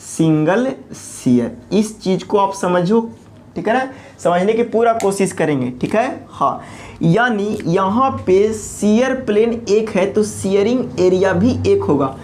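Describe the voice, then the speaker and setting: A woman giving an engineering lecture, posing questions to the class and answering them herself, repeating key terms slowly. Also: mid-range voice, a little mellow, a little hiss or hum.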